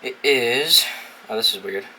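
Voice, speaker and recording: Recorded in a very noisy setting, a young American from New England gives casual, hands-on unboxing commentary about a gadget in his dorm room. He speaks at a measured pace in a medium-pitched voice, swearing freely and thinking aloud as he goes.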